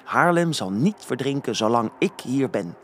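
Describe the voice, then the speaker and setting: A man voicing a plucky, frightened little boy in a storybook reading, with loud, high calls. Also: lively intonation, normal speed, slight background noise, close to an everyday voice. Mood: defiant.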